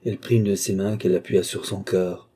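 A man narrating a classic novel as an audiobook, in measured, expressive storytelling. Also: low-pitched, slightly rough. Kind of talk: scripted literary narration.

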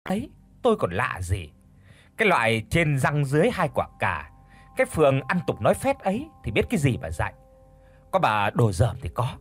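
A man's voice: mid-range voice, huge pitch swings, normal speed, slightly rough, faint music behind. A man voicing a stingy, grumbling old village landowner who talks bluntly and scornfully in an audio story.

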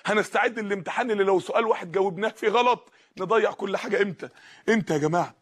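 A man with an Egyptian accent preaching an emotional sermon, rising to shouts and dropping to hushed pleas. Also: high voice, very fast. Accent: Egyptian Arabic. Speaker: Islamic preacher.

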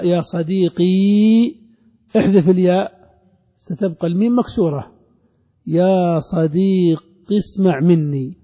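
A man teaching classical Arabic grammar, reciting verse lines and examples slowly before explaining them. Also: high-pitched, dark tone, slightly rough, big-room sound, lo-fi sound.

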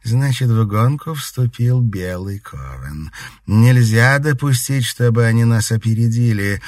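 A cold, commanding witch, voiced by a male reader, hands out orders with scorn. She speaks slowly and deliberately, a touch above his plain pitch. Dry audiobook recording. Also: lively intonation, a little mellow, no echo, recorded from a distance, close to an everyday voice. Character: cold, domineering older woman witch.

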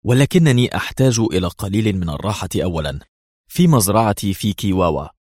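A man voicing a calm, decisive male secret agent, speaking firmly and in a measured way. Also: on the low side, no echo, studio quality. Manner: firm, measured.

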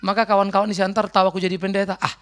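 A middle-aged male pastor from Sumatra preaching a sermon, telling his life story in a lively way, acting out voices and laughing often. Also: high voice, very fast. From North Sumatra. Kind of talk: sermon with personal testimony.

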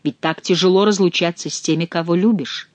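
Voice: mid-range voice, a little fast, no room sound, lightly acted. A reader voicing an amorous, gallant young king who talks tenderly and effusively to his beloved.

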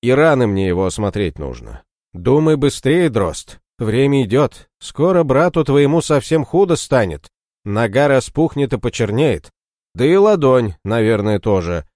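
A man's voice: medium pitch, sing-song, unhurried, a little mellow, no room sound, clean studio sound, pitched above the performer's own voice. A man voicing a sly, mocking male captive healer who taunts his captors in an audiobook story. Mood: gruff. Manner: taunting, scornful.

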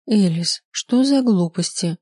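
Reader as a commanding middle-aged mother, firm, pitched higher, dry close sound, audiobook. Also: animated, takes it slowly, mellow, slightly rough, no room sound. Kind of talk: audiobook character voice.

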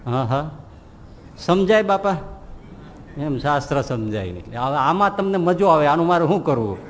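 A man's voice: on the high side, moderate pace. A man speaks, preaching and slipping into comic stories where he acts out each character. His sermon rings through a hall with a long echo, and faint noise sits underneath. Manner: lively storyteller, acts out characters' lines and chuckles at his own jokes. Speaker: swami giving a scripture discourse. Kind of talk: sermon with humorous anecdotes.

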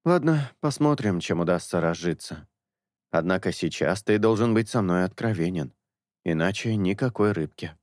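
A man voicing a patient young priest in an audiobook, coaxing and reasoning in a low voice. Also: lively intonation, moderate pace, darkish tone, no echo, studio quality. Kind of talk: audiobook character dialogue.

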